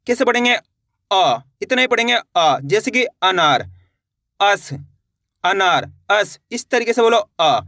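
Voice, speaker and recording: A man teaching a beginners' online class, asking questions and answering them himself, drawing out each vowel sound slowly and patiently. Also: very high voice, bright, forceful tone, dry recording, studio quality. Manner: slow, patient. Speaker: Hindi teacher.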